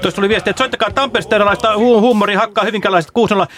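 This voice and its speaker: High-voiced rambling radio host man. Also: steady tone, music in the background. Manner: rambling, halting, full of restarts. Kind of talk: casual radio chat.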